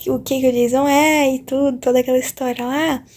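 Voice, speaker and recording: A woman's voice: sits high, fairly even intonation, a little fast, a little mellow. A young woman from Brazil chatting casually and emotionally about a book in a reading vlog, full of slang and fillers. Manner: emotional, slangy, swings between laughing and crying; chatty and informal, lots of fillers. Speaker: book vlogger.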